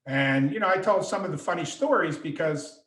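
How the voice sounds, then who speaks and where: On a video call from an echoey room, a middle-aged author and speaker tells a story a little fast, his voice on the high side. He brings it to life by acting out the quoted voices of its characters.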